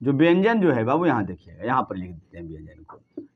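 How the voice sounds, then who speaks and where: A man's voice: medium pitch, big pitch swings, fairly quick, slightly rough, dull audio. A male teacher giving a classroom lesson, drilling his students with repeated questions and answering them himself.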